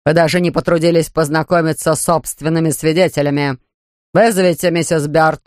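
A reader voicing a stern, pompous older male judge who speaks slowly and gruffly. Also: mid-range voice, fairly even intonation, no room sound, clean studio sound, lightly acted. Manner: slow, gruff, barking.

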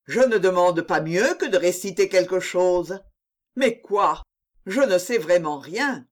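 Pompous brooding poet, solemn and declamatory, slow delivery, voiced by an audiobook reader. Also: medium pitch, expressive, close to an everyday voice. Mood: aloof. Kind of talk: audiobook character voice.

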